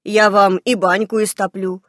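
A woman's voice: medium pitch, little pitch movement, unhurried, a bit bright, no echo, studio quality. A woman voicing a simple, obliging male peasant servant who speaks plainly and deferentially. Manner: plain, deferential, folksy speech.

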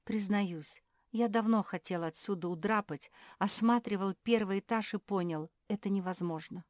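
A woman's voice: medium pitch, normal speed, a little mellow, no echo, close to an everyday voice. A matter-of-fact male terrier from a storybook, read by a woman, level and plain, only lightly lifted from her own voice. The recording is dry and close.

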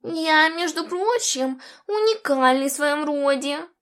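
A woman's voice: high voice, animated, creaky, bright, forceful tone, full character voice. A woman doing a sly drawling cat spirit. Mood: indignant. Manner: slow, drawling, grumbling. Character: sly grumbling male cat spirit, proud.

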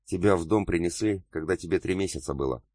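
A man voicing a gentle young woman in an audiobook, speaking in a soothing way. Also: deep voice, quick pace, no echo, studio quality. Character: gentle young woman comforting her brother.

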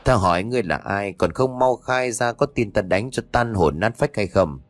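A man's voice: fairly low pitch, lively intonation, moderate pace, no room sound, natural voice. A man voicing a stern male exorcist master in an audio story, scolding and giving orders.

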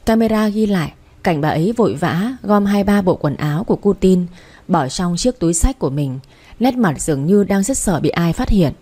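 A woman's voice: on the low side, animated, moderate pace, warm tone. A woman narrating a first-person audio story in an emotional, dramatic way.

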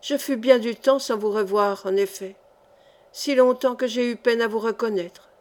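A woman reading the part of a gentle, shy young man in love, speaking softly and tenderly in an audiobook. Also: a little high, moderate pace, natural voice. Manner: soft, tender.

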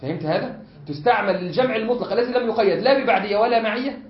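A higher-pitched man with an Egyptian accent teaches a classroom lesson as a sheikh, building each point step by step and checking that his students follow. He leans on drawn-out hesitation fillers between phrases. The recording is dull and lo-fi, with plenty of room echo. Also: slight background noise. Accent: Egyptian Arabic. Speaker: sheikh teaching a study circle. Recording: echoey room, dull lo-fi sound.

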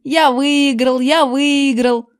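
A woman voicing a boastful invisible boy who crows loudly over his win. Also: sits high, fairly even intonation, slow, pitched above the performer's own voice. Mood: gleeful. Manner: triumphant shouting.

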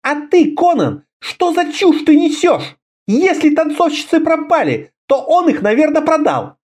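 A hot-tempered young woman who leads a band of outlaws, as a male narrator puts her on. She scolds sharply and often, her voice pitched well up. Her tone swings widely. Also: very animated, a little slow, a little mellow, full character voice. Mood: scolding. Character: fierce young woman bandit leader, quick-tempered.

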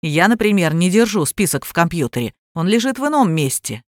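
A woman's voice: fairly low pitch, sing-song, brisk, no room sound, clean studio sound. A woman voicing a man, an obsessive gamer who thinks he is a god, smug and domineering, in an audiobook reading. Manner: smug, then shrieking in fury. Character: self-styled god, obsessive male gamer.

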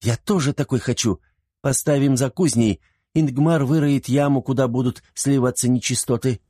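A man's voice: mid-range voice, moderate pace, mellow, breathy edge, no echo, studio quality, pitched above the performer's own voice, lightly acted. A man reading an audiobook, voicing an eager, bossy little peasant girl. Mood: insistent. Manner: pleading, insistent.

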